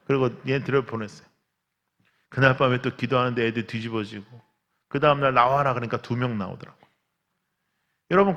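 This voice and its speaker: A man preaching a revival sermon as pastor, telling stories with lively acted-out quotes and cries. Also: medium pitch, lo-fi sound. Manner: animated storytelling, acts out quotes and cries. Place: large church sanctuary. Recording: long church hall reverb.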